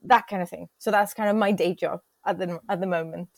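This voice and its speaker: A woman researcher as a podcast guest, measured and pausing on fillers as she explains genetics work. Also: lowish voice, steady tone, gravelly, no echo. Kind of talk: casual interview.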